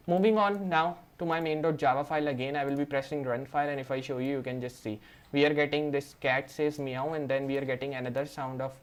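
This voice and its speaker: A man's voice: mid-range voice, a little hiss or hum. Man talking through a coding tutorial. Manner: walks through steps while working; leans on fillers like "you can say". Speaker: programming tutor. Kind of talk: screen-recorded coding tutorial.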